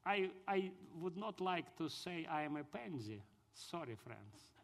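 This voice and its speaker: In a large, echoey hall, a Ukrainian man from southern Ukraine shares his conversion testimony. He has a high, expressive voice and tells his story in halting, earnest, broken English.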